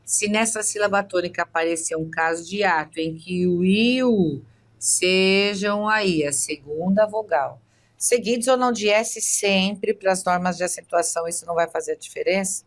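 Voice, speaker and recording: A woman's voice: lowish voice, normal speed. A woman with a Brazilian Portuguese accent giving an online exam-prep lesson, explaining step by step and often checking in with the viewer. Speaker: teacher.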